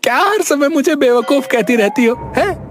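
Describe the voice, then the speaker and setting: A voice actor playing a foolish, dim-witted village husband in a cartoon, whiny and silly, often crying out. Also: male voice, very high voice, lively intonation, moderate pace. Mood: boastful. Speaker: comic lead. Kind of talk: cartoon voice acting. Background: background music.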